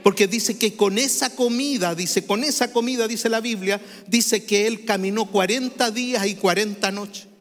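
A man's voice: high-pitched, moderate pace, few pauses, fairly bright tone. A man preaching a sermon to a congregation, asking them to repeat phrases after him. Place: church hall before a congregation. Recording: reverberant hall.

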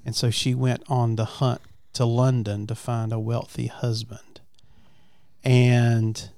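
Casual male host on a farm, creaky low-key talker, dry sound, folksy and halting. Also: a little mellow, dry recording. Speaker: podcast host. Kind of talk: casual chat. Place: at a family farm.

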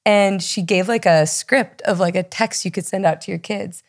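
A woman's voice: medium pitch, moderate pace. A woman co-hosting a church podcast, chatting casually and rambling a little. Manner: warm, rambling, chatty with laughs. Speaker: podcast co-host and pastor. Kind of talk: casual chat.

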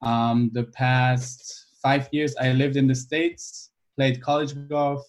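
A man in his twenties from Iran, a guest speaking in a casual interview, easygoing and thoughtful with many pauses. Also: mid-range voice, fairly even intonation. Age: 20s.

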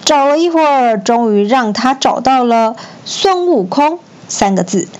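A woman storyteller reading a children's classic aloud in an expressive, lively manner. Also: a little high, a little slow, lo-fi sound.

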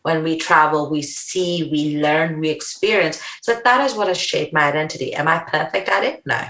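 A woman guest in a conversational interview, speaking English with a mixed Indian, American and Australian accent, animated, laughing often and restarting sentences. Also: low voice, normal speed, echoey room, poor audio.

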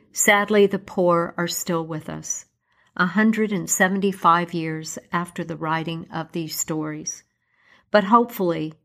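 Slow-reading woman storyteller. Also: lowish voice, vocal fry, fairly bright tone.

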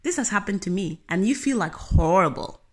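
A woman's voice: mid-range voice, brisk. Earnest woman giving a motivational talk. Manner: earnest, animated, speaks directly to the listener. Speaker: tennis coach.

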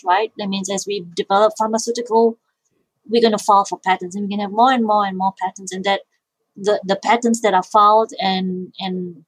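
In a mid-range voice on a dry, poor-quality recording, a middle-aged interview guest from Malaysia, a social enterprise founder and IP lawyer, gives considered answers, often repeating words when she starts over.

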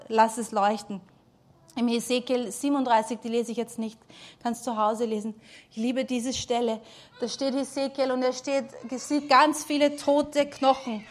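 Woman preacher in her forties, fairly high voice, urgent exhortation that sinks to a hush. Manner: fervent, exhorting, drops to a hush. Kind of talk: sermon.

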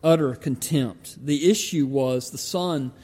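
Slow Georgia drawl, male pastor preaching. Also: medium pitch, darkish tone. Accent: Southern US, Georgia drawl. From Georgia, United States. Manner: halting, deliberate, with frequent pauses. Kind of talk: sermon. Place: large church hall, preaching to a congregation. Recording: reverberant church hall.

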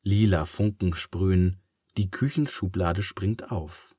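Male storybook narrator, low, slow and expressive, dry booth sound. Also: husky, no room sound. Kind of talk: children's story reading.

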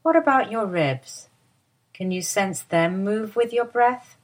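A woman giving soft, soothing guided instructions for a body-awareness lie-down. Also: medium pitch, lively intonation. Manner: soft, slow, soothing guidance. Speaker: movement teacher guiding a lie-down.

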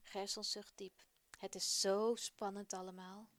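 A woman presenting a children's radio program, reading a story aloud in a friendly, expressive way. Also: medium pitch, unhurried, no echo.

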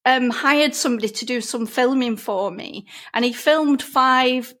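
A middle-aged painting teacher from Lancashire, England, speaks with a broad Lancashire accent as a guest in a casual interview. Her high-pitched, slightly bright voice moves at a measured pace as she chats and explains things.

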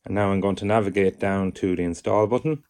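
A man presenting a step-by-step software demonstration in a measured, methodical way. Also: low voice, fairly even intonation, smooth. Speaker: tutorial presenter.

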